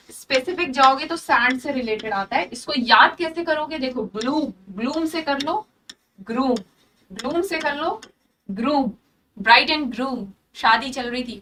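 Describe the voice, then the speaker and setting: A woman teaching vocabulary for exams, her voice high and bright. She drills every word several times, ties meanings to small made-up stories, and keeps asking whether it is clear. Her voice comes from a bit away from the microphone. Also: distant mic, a little hiss or hum. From India. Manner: explains through memory tricks and little stories. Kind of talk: online exam-prep lesson.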